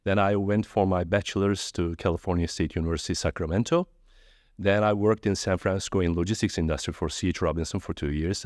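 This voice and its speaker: A friendly man from Turkey in his forties speaks as a podcast guest with a very low, deep voice. The sound is dry and close to the mic, with no room around it. He talks in a relaxed, conversational way. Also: no echo. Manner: friendly, storytelling with animated quoted voices. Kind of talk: casual interview conversation.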